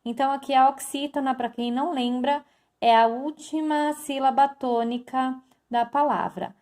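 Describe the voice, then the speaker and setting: A woman's voice: high voice, darkish tone. A woman teacher giving a recorded lesson, explaining step by step and addressing her students directly. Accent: Brazilian Portuguese.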